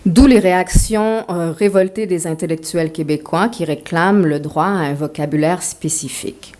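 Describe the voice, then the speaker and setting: A woman lecturer with a slightly low voice. She talks in a measured academic way, stopping now and then with small fillers as she builds her points. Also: a little mellow.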